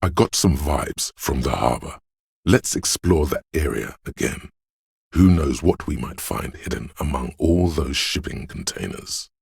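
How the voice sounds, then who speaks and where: A male actor plays a slick, flashy hustler as a video game inner voice, heavily acted in a very deep, gravelly tone. His manner is smooth-talking, theatrical, and cocksure with a sly, coaxing mood, and the studio sound is clean with no room sound.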